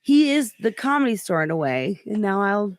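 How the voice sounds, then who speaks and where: A woman's voice: mid-range voice, sing-song, moderate pace, clean tone, dry recording, clean studio sound. A woman comedian hosting a podcast, telling a rambling story in casual chat, full of fillers and acted-out quotes. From United States.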